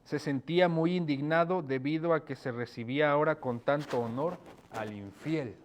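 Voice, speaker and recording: Man preaching in a slightly high voice. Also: moderate pace, a little hiss or hum. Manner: rhetorical questions, frequent checks with listeners. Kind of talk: sermon.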